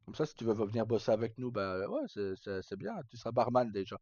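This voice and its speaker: Here the livestream host talks briskly in a lowish, slightly mellow voice, keeping things informal with occasional mild swearing. There's no room sound, though the audio comes across dull.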